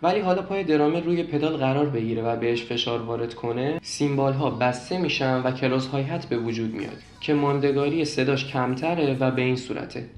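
A young man calmly explaining beatbox technique step by step, repeating points and demonstrating as he goes. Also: mid-range voice, few pauses, echoey room. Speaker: beatbox teacher.

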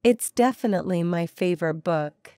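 A woman reading short English practice sentences aloud in a plain, deliberate way. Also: fairly low pitch, dark tone, no echo, studio quality.

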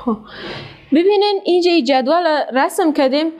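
A woman with an Afghan Dari accent teaching a classroom reading lesson, sounding out words slowly syllable by syllable and praising often. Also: very high-pitched, lively intonation, darkish tone, a little hiss or hum. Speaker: literacy teacher.

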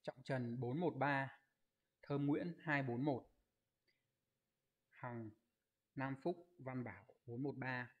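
A man's voice: medium pitch, dull audio. Man teaching a Japanese exam review. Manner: explains step by step, asks rhetorical check questions; reads out viewers' comment answers in a quick list. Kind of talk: live online exam-review lesson.

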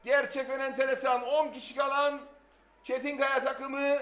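A man's voice: very high voice, level tone, normal speed, a bit bright. A man giving live play-by-play football commentary. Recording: roomy, echoing sound.

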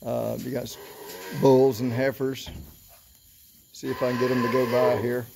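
Filming his barn at night with a handheld phone, a middle-aged cattle seller from Florida strolls the open barn and counts calves out loud in a casual walkthrough vlog. His medium-pitched voice is flat with vocal fry, and his country talk is slow, unhurried, and full of fillers. The outdoor recording is noisy.

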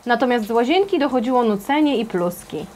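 A woman reads a children's novel aloud with lively, expressive storytelling. Her voice sits somewhat high for a woman. The delivery is that of a careful audiobook narrator. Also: brisk.

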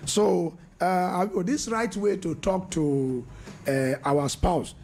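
A man's voice: high voice, expressive, takes it slowly, vocal fry, darkish tone. A man, a radio panelist chatting about relationships in Pidgin, laughing often and restarting his sentences. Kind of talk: casual radio discussion in Pidgin.

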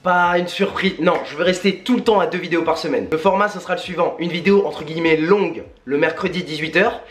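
A young man from France, a sports vlogger, casually telling stories to camera with lively asides. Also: on the high side, quick pace. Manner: lively storytelling, animated asides. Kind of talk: casual vlog narration.

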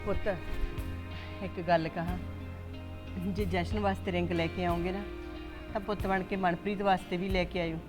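An actress playing a caring mother-in-law who gently soothes her daughter-in-law in a village family drama. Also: fairly low pitch, little pitch movement, moderate pace, pauses often, over music, close to an everyday voice.

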